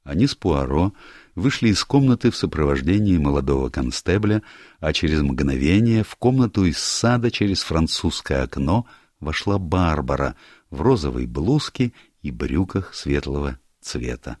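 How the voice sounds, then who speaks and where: A man narrating an audiobook in a measured, expressive reading. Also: a bass voice, no room sound, clean studio sound.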